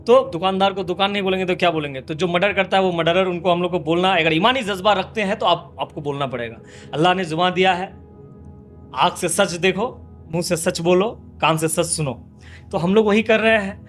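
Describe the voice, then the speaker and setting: Impassioned high-voiced male politician. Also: brisk, fairly bright tone, soft background music. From West Bengal, India. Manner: impassioned, repetitive rhetorical lists. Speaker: local politician. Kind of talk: interview answers.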